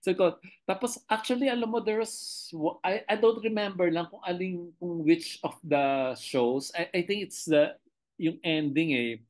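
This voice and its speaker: A middle-aged director with a Filipino accent, telling behind-the-scenes stories in a casual interview with animated, expressive storytelling. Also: medium pitch, unhurried. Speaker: television director, guest.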